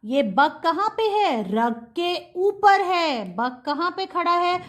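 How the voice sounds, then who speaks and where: A woman's voice: extremely high pitch, animated, slow. A young woman with an Indian English accent, teaching a kindergarten English lesson, spelling out words letter by letter and explaining them in Hindi.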